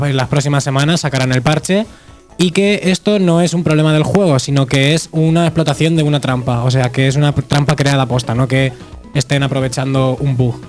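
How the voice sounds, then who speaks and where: A man co-hosting a gaming podcast, reading the week's news in a casual, lightly joking way. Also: a little high. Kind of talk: casual chat.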